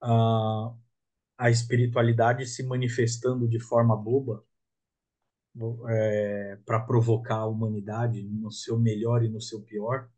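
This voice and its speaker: A man's voice: fairly low pitch, little pitch movement, unhurried, a little mellow. A man, a guest in a casual podcast conversation, talking in a reflective way and often ending thoughts with a questioning tag. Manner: reflective, tags thoughts with 'né?'.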